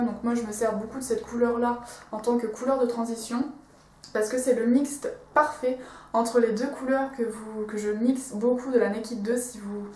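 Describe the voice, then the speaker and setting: A woman's voice: on the high side, a little mellow, reverberant, a little hiss or hum. A woman reviewing a makeup palette in a casual, enthusiastic vlog, with many fillers and restarts. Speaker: beauty vlogger.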